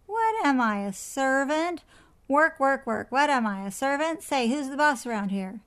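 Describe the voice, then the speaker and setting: A woman voicing a rude, bossy female pet parrot in a children's story, squawking and repeating herself in a shrill, sassy way. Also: brisk, lightly acted. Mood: indignant, loud. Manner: loud, repetitive, sassy yelling.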